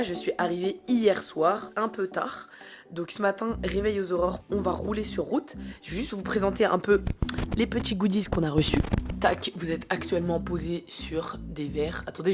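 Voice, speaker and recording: Female cycling vlogger, French accent, lower register, casual upbeat chat to a phone camera, faint music underneath. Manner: chatty and upbeat, full of fillers.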